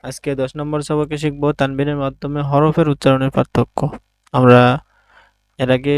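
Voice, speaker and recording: A man teaching Quran letter sounds, drilling them in measured, chanted repetition. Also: medium pitch, level tone, clean tone, dry recording. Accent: Bangladeshi. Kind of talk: slow drilled recitation lesson.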